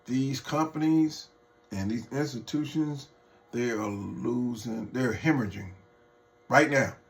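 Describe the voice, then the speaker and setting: A man's voice: mid-range voice, takes it slowly. Man ranting heatedly to his viewers. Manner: heated, mocking and profane; talks straight to viewers as folks. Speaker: political vlogger. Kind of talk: off-the-cuff political rant.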